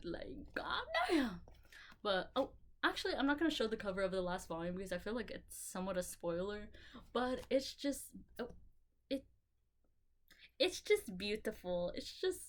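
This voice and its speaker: A young woman in her late teens chats to the camera in a casual, rambling way, getting excited and swearing without a second thought. Her voice sits at an ordinary middle pitch. There is faint hiss on the recording. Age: young adult. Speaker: vlogger showing her manga collection. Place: bedroom.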